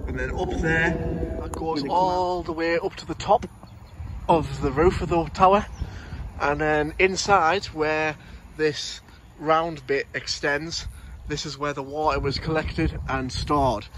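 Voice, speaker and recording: A man's voice: fairly high pitch, fairly even intonation, takes it slowly. A young man, rambling with ums as he films inside an abandoned stone water tower, his voice echoing in the hollow space. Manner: rambling, many ums and restarts. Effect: big hollow echo inside an empty stone water tower. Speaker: urban explorer vlogger. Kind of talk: casual walkthrough commentary. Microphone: phone held on a pole. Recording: distant, dull, loud wind noise.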